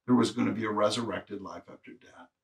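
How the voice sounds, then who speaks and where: A man's voice: lowish voice, fairly even intonation, fast talker, creaky, far from the mic. Earnest male pastor preaching from afar. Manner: earnest preaching, reads scripture aloud, rises to emphatic peaks. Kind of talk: sermon.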